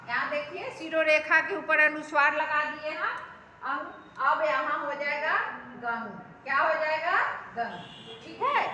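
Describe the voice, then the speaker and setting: A woman teaching Hindi grammar in an online class, going over each step slowly and asking the students check questions. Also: sits high, bright, forceful tone, far from the mic, slight background noise. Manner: slow, repetitive teaching with frequent check questions. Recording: echoey room, voice from off the mic, faint ambience.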